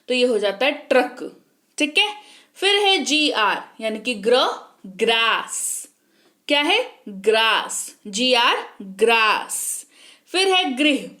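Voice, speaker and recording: A woman's voice: sits high, pushed and bright. A young woman teaching English pronunciation in an online lesson, patiently explaining and quizzing her listeners with repeated questions.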